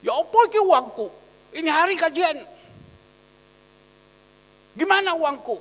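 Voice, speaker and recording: A man voicing a rough, unschooled worker who loudly demands his wages. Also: extremely high pitch, expressive, in a large hall, voice pushed up, full character voice. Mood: demanding. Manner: loud, blunt and hurried.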